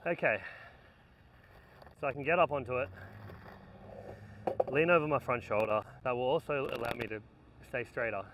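A man's voice: mid-range voice, moderate pace, long pauses, noisy background. A man in his thirties talking to himself between skateboard attempts outdoors, self-coaching and worn out, recorded on a camera set up at a distance. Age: 30s. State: tired and worn out. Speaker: skateboarder vlogger. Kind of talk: casual self-talk while filming. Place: outdoors at a skate spot in strong sun. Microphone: camera mic set up at a distance.

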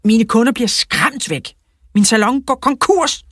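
A woman voicing an indignant, shouting hairdresser, a bitter grown man, in a children's audiobook. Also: a little high, lively intonation, dry recording, studio quality, pitched above the performer's own voice.

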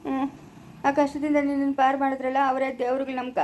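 A woman with a Chikkaballapura Kannada accent playing a poor, gentle village father, soothing and resigned, in a family drama. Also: high voice, flat delivery, fast talker, a little hiss or hum, natural voice. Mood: consoling. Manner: soothing, pleading, fatalistic.

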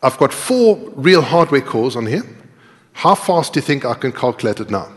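A middle-aged man speaks at normal speed in a sing-song, mid-range voice while presenting a live coding session, breaking things down step by step and questioning his audience conversationally. He's a conference speaker and programming teacher, and the large tiered lecture hall makes the sound reverberate.

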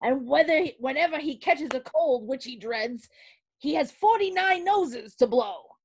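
A man voicing an excitable, boastful male centipede in a storybook reading. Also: extremely high pitch, a little slow, pitched above the performer's own voice, full character voice. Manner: loud, boastful.

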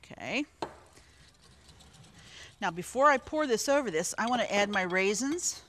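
A woman's voice: mid-range voice, lively intonation, unhurried, a bit bright. A woman hosts a television cooking demonstration from a studio kitchen. She talks right to the viewer in a chatty, encouraging way. She explains every step as she goes. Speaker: cooking show host.

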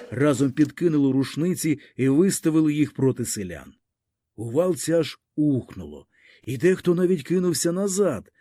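A man narrates an audiobook story in an expressive storytelling manner. His voice is mellow and husky and somewhat high for a man, and his pitch rises and falls freely. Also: dry recording, studio quality.

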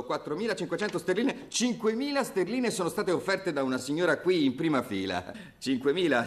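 An actor in his forties playing a polished auctioneer in a dubbed TV drama, with formal, projected patter. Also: high-pitched. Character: polished middle-aged male auctioneer running a sale.

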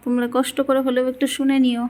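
A woman vlogging at home, coaxing a child with repeated urging and at times talking quietly on purpose. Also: high voice, completely flat delivery, quick pace. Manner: coaxing, repetitive urging while feeding a child. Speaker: vlogger and mother. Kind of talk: casual home vlog.

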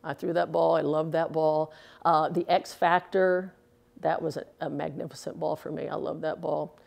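This woman, in her sixties and formerly a professional bowler, chats earnestly through a casual interview with filler words. She speaks flatly at a moderate pace in a low, slightly mellow voice with vocal fry; a lapel mic records her indoors at a bowling alley.

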